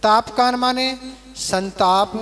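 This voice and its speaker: A man teaching a verse class, who chants verse lines slowly and then patiently explains their meaning. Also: sits high, fairly bright tone, clean tone, in a large hall. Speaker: Jain monk teaching scripture recitation. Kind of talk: slow scripture class.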